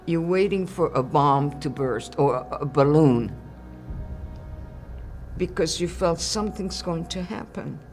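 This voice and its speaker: An older woman from Belgium giving recorded testimony as a Holocaust survivor, speaking haltingly and searching for words. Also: deep voice, expressive, darkish tone, soft background music. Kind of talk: archival testimony interview.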